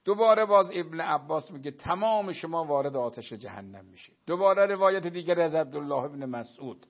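Male religious lecturer, higher-pitched, storytelling delivery with measured Arabic recitation; lo-fi, dull recording. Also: lively intonation. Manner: storytelling, addresses listeners as dear friends; recites Arabic quotations slowly.

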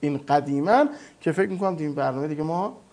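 A man's voice: on the high side, darkish tone. A man speaking as a guest on a talk program, retelling religious history emphatically with quoted dialogue. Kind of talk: animated lecture-style storytelling.

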